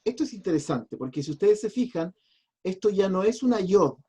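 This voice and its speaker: Mellow-voiced man teaching. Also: high voice, lively intonation, fairly quick, slightly rough. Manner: patient, explanatory, chatty with restarts. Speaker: pastor teaching biblical Hebrew. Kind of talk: online class lecture.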